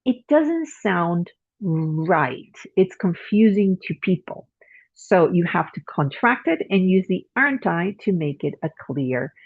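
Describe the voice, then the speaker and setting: A woman teaches an English grammar lesson, patiently explaining and voicing her example sentences. Her voice is husky and sits a little low. The sound is thin and phone-like, with a dry, close feel. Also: no echo. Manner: explains patiently with spoken examples and self-corrections. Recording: tinny phone-like audio, dry.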